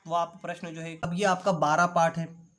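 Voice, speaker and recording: A man teaching an online class, slowly reading out and explaining textbook answers. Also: fairly high pitch, little pitch movement, a bit bright. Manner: carefully repeats words for pronunciation drill.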